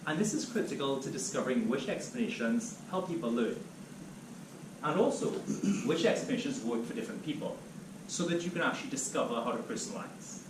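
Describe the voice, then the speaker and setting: This is a guest seminar talk from a man from Trinidad and Tobago, whose medium-pitched delivery is brisk, animated and steadily lecturing. Captured on a distant mic in an echoey lecture room, it carries background noise.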